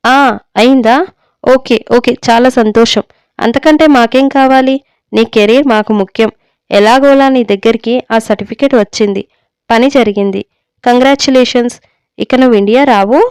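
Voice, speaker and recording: A woman's voice: fairly high pitch, steady tone, moderate pace, darkish tone, clear, resonant tone, dry recording, lightly acted. A woman voicing a retired older father in a read-aloud story, with a dry, wry way of talking. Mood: relieved. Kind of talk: storybook reading.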